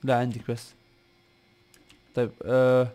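A young man, hosting a gaming video and commenting on the gameplay, often repeating short words in quick bursts. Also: mid-range voice, level tone, warm tone, clean tone. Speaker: gaming channel host.

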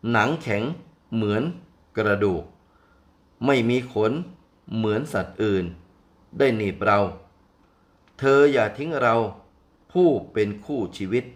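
A man's voice: on the low side, lightly acted. An older man voicing a frightened male bull elephant who pleads urgently with his mate in a folk tale.

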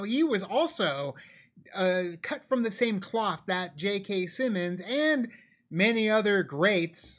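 A man's voice: high-pitched, a bit bright. A man co-hosting a movie reaction, chatting casually and thinking aloud with many restarts. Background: faint movie soundtrack.

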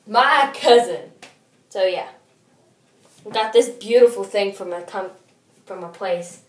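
A woman's voice: mid-range voice, slow pace. A young woman chatting casually and jokily as host of an amateur unboxing video, playful and mock-dramatic, her voice echoing in a bathroom. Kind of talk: casual, jokey unboxing chat. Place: small indoor bathroom. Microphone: built-in tablet microphone. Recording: bathroom echo, amateur tablet recording.

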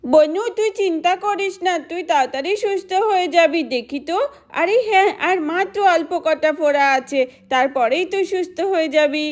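A woman's voice: very high-pitched, moderate pace. A woman voicing a caring village girl who comforts her sick younger sister. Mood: comforting.

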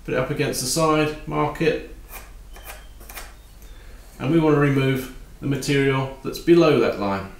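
A man giving a calm, practical woodworking tutorial while he works at a bench in his home workshop. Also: medium pitch, unhurried, pauses often, roomy sound. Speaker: woodworking instructor.

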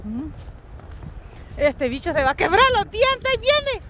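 A woman vlogging outdoors in the snow, shouting encouragement, laughing and teasing her family. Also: very high-pitched, big pitch swings, slow, heavy background noise. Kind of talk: casual outdoor vlog chatter.

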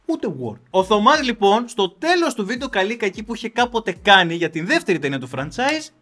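A man's voice: sits high, sing-song, music in the background. A man hosting a comedic film review, talking in a sarcastic, mock-dramatic way.

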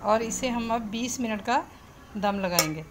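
A woman calmly explaining a home recipe step by step as a cooking voice-over. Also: a little high, measured pace, heavy background noise. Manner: calm, instructive, walks through each step. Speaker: cooking channel host. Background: background music and sizzling pan.

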